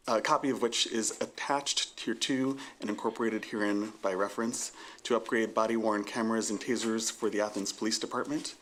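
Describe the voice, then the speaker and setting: A man with a lowish voice reads legal text into a desk microphone during a council meeting. He goes slowly and deliberately and fills pauses with uhs. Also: a bit bright, slight background noise. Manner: slow and measured, with filler uhs. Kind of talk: reading ordinances aloud. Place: city council chamber.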